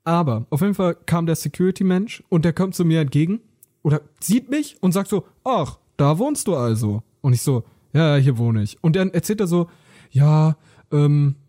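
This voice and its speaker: A young man co-hosting a comedy podcast, telling a story in casual chat and acting out the dialogue, with a husky voice. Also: on the high side, lively intonation, a little fast, mellow. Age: young adult. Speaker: podcast co-host.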